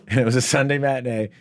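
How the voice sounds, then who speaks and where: In a podcast studio, a guest comedian with a medium-pitched voice tells rambling anecdotes in casual chat, full of fillers and laughs. The sound is studio quality with no echo.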